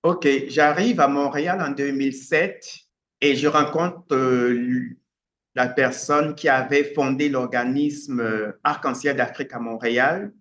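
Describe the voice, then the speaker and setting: A man from Cameroon, a writer and activist, answering interview questions thoughtfully with frequent pauses and restarts. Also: mid-range voice, steady tone, fairly bright tone, a little hiss or hum. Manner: hesitant, many pauses and restarts. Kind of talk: interview answers, reflective storytelling. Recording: dull lo-fi sound, faint ambience.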